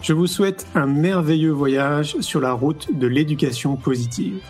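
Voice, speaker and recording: A man hosting a podcast, reading a measured, scripted introduction over soft music. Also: a little high, fairly even intonation. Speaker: podcast host.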